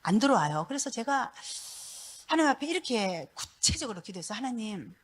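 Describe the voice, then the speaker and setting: A middle-aged woman, a pastor's wife giving a church testimony in a lively, laughing storytelling manner. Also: a little high, a little fast, slight background noise.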